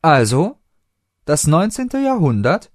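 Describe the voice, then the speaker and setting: A teasing, adventurous young woman, as a male reader puts her on, calls out insistently. Her pitch sits far above the reader's own and moves a lot. The sound is dry and close. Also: huge pitch swings, takes it slowly, no echo, exaggerated voice.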